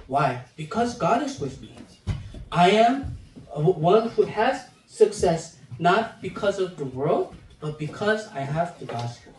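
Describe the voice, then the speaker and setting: A man in his thirties preaches to young people at an unhurried pace, his pitch rising and falling in lively swings. He acts out children's moods with playful voices as he talks into a handheld microphone. The sound is roomy and echoing, picked up from some distance, with a faint hiss behind it. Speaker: assistant pastor. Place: classroom in front of a chalkboard. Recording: roomy echo, mic heard from a distance.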